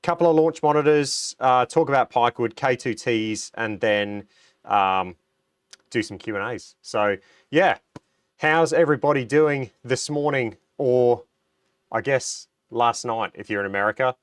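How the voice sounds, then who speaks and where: A middle-aged Australian man hosts a relaxed livestream, sounding a little nasal as he gets over a cold. He talks chattily, trailing off and restarting as he greets viewers by name. His voice is mid-pitched and recorded dry and close. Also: a little slow, clean tone, dry recording. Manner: chatty, reads out viewer comments, frequent ums and restarts. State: recovering from a cold, a bit nasal. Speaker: livestream host. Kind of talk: casual livestream chat.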